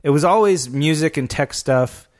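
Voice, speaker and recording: Rambling, halting male podcast co-host. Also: a little high, darkish tone. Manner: rambling, halting, many fillers and restarts. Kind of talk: casual chat.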